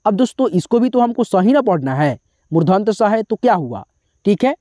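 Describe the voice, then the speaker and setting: A woman's voice: medium pitch, sing-song, moderate pace, warm tone, dry recording, clean studio sound. A woman teaching a spelling lesson, reading out syllables one by one and adding short explanations. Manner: drills syllables letter by letter, adds brief explanations.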